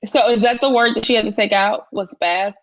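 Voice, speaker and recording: A woman's voice: fairly high pitch, fairly even intonation, brisk, dry recording, lo-fi sound. A woman co-hosting a casual chat podcast, opinionated and emphatic, with frequent restarts. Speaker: podcast co-host.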